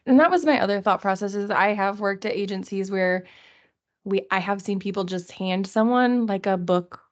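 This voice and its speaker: A woman's voice: medium pitch, normal speed. A woman chatting casually at a city committee meeting, presenting a resource list in a chatty, self-deprecating way. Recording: dull lo-fi meeting recording.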